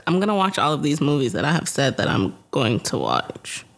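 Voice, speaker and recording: Young woman cohost, low voice, chatty and teasing, laughs a lot. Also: big pitch swings, fairly quick. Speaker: podcast co-host. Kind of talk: casual chat.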